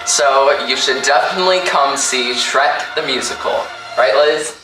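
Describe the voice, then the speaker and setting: Young male talk host, upbeat and chatty; echoey room, faint music behind. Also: mid-range voice. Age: young adult. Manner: upbeat, chatty, quick to laugh. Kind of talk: casual interview. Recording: echoey room, mic at a distance.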